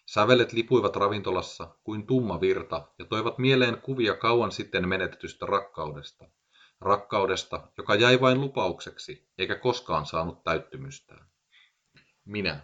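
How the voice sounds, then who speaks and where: A man with a very low voice narrates a short story in a dry, measured, deadpan manner. The recording is muffled and lo-fi, with little brightness at the top. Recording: dull lo-fi recording.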